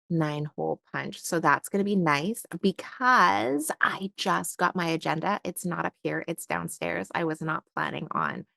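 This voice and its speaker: A woman's voice: fairly low pitch, gravelly, fairly bright tone, dry recording. A young woman chatting casually while unboxing stationery and thinking aloud with lots of fillers. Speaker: stationery vlogger.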